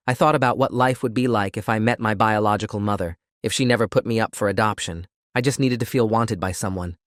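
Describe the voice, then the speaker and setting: A man reading a first-person story as scripted narration, in a steady storytelling delivery. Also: medium pitch, no room sound, studio quality.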